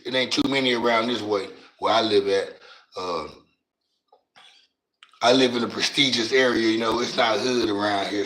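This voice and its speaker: A middle-aged livestream host with a Louisiana Southern accent chats casually in slangy, rambling talk, often stumbling over his words. His raspy voice runs on the low side yet sounds fairly bright, and the recording is rough and reverberant.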